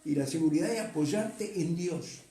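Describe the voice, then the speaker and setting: A man, a pastor preaching a sermon, reading scripture slowly and then urging his congregation with rising force. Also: fairly high pitch, mellow, echoey room, faint music behind.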